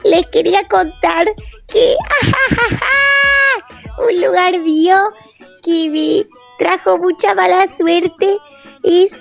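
A performer putting on a cheeky, scatterbrained young woman caller with a squeaky, creaky, giggly voice. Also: very slow, a bit bright, soft background music, heavily acted.

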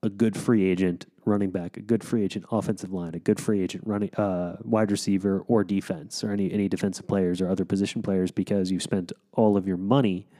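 A man's voice: deep voice, steady tone, brisk, hardly any pauses, warm tone. A man co-hosting a casual chat, playfully argumentative, explaining things at length with frequent ums and restarts.

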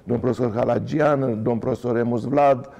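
A man's voice: medium pitch, fairly even intonation, gravelly, dark tone. An older man, a former footballer telling stories as a guest in a casual interview, rambling and restarting often. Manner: rambling, anecdotal, frequent restarts. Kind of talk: casual conversational storytelling.

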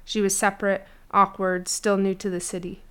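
Smooth-voiced woman reading a story. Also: mid-range voice, normal speed. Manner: steady storytelling read. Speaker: audiobook narrator. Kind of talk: scripted fiction narration.

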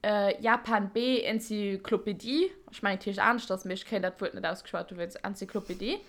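A young woman co-hosting a podcast, chatting casually and telling an animated story with frequent laughter. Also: medium pitch, fairly quick. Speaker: podcast co-host. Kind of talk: casual chat.

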